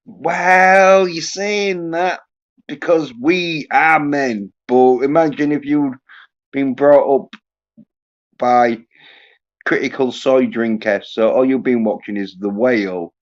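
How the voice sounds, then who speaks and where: Male stream host, mid-pitched, rambling and hesitant, muffled lo-fi mic. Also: fairly even intonation. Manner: halting, heavy on fillers and restarts. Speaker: livestream host. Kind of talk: casual chat. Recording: muffled lo-fi audio.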